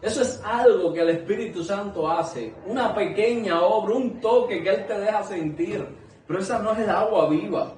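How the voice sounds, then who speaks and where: A high-pitched man with a darkish tone preaches at a moderate pace to a small congregation, earnest and conversational, posing many rhetorical questions. The recording sounds echoey, with the mic set at a distance.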